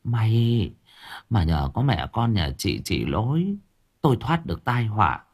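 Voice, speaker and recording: A man's voice: fairly low pitch, sing-song, a little slow, breathy edge, exaggerated voice. A man voicing a wealthy chieftain's wife in a storybook reading, brusque with her servants and gracious toward guests. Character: wealthy chieftain's wife, commanding yet grateful.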